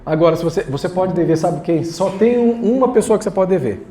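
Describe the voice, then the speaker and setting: High-voiced joking pastor preaching. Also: male voice, lively intonation, fast talker, dark tone, soft background music. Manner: casual, joking, talks straight to the congregation. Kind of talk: sermon. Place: church hall.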